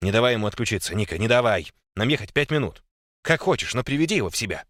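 A man voicing a gruff young man who shouts urgent orders. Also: lowish voice, very animated, quick pace, dry recording, studio quality. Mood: commanding.

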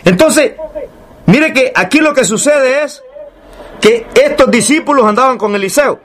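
High-voiced man preaching emphatically. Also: expressive, measured pace, fairly bright tone. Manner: emphatic, repeats phrases, rhetorical questions. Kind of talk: sermon.

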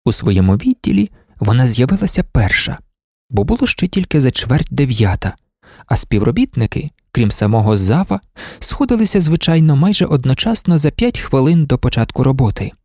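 Male audiobook narrator, expressive literary reading, animated pitch, dry close sound. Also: brisk, dry recording. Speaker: audiobook reader.

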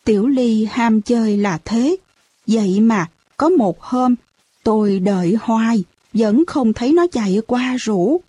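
Brief: audiobook reader, woman, fairly high voice, dry close sound, lively storytelling. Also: unhurried, slightly rough, dry recording. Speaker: audiobook narrator. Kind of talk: storybook narration.

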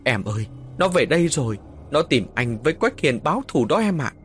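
A man's voice: medium pitch, big pitch swings, a little fast, a bit bright, a little hiss or hum. A man voicing a terrified, guilt-ridden elder brother, pleading in a panicked voice.

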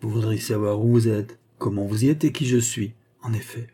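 A man voicing a soft, tender, mysterious young woman who nurses a wounded man, in an audiobook. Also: lowish voice, steady tone, brisk, lightly acted. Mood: gentle.

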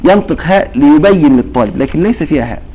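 A man's voice: on the high side, animated, racing, warm tone, muffled recording. A man teaching a religious recitation lesson, explaining patiently and quizzing his students with repeated questions. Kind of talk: classroom lesson.

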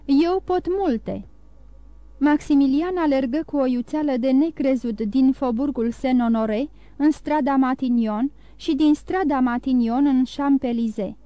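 High-voiced woman reading an audiobook. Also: dark tone, no room sound. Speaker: audiobook narrator. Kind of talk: audiobook narration.

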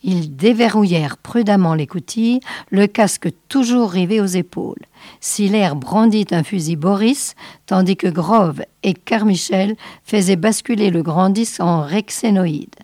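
A woman reading a science fiction novel aloud in a measured, expressive way. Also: medium pitch, dry recording, studio quality. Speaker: reader.

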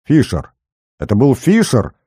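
A man voicing a wounded, bleeding young man who speaks hoarsely in frantic, groaning outbursts. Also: mid-range voice, huge pitch swings, unhurried, mellow, no room sound, studio quality, voice pushed up, full character voice.

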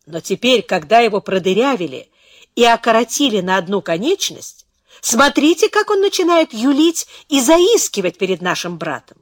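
A brusque, self-satisfied doctor who mocks his patient, read by a woman. His lines move in wide, lively swings, and the take is close and dry. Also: a little high, normal speed, no echo. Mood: smug. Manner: mocking, blunt. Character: smug sarcastic male doctor, brusque. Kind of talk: audiobook character reading.

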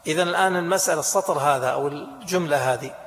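Male lecturer, fairly high voice, fast-paced classroom teaching, echoey hall. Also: fairly bright tone. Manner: explains with acted dialogue and quick questions to students. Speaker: Islamic law teacher. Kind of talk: classroom lesson on jurisprudence.

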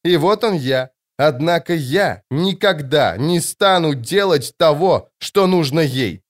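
A man's voice: fairly high pitch, expressive, normal speed, voice pushed up, close to an everyday voice. A commanding young male leader, read by a man in an audiobook. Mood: commanding, defiant. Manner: forceful, declaiming, raised voice.

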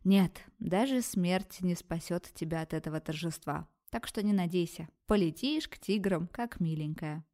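A woman's voice: fairly low pitch, moderate pace, hardly any pauses, dark tone, lightly acted. A woman voicing a loyal young female student, the heroine's earnest friend in an audiobook. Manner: earnest, pleading.

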